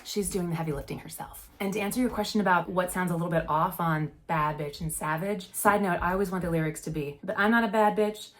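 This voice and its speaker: Lower-pitched woman explaining music with enthusiasm. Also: fairly even intonation, fast, hardly any pauses. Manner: enthusiastic, conversational, demonstrates by singing short notes. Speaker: music theory video host. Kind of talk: casual explainer.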